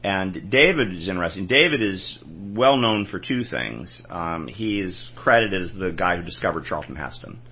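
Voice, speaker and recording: A man's voice: sits low, expressive, normal speed, hardly any pauses, slightly rough, muffled recording. A man telling anecdotes in a casual interview, rambling and restarting his sentences. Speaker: film collector guest.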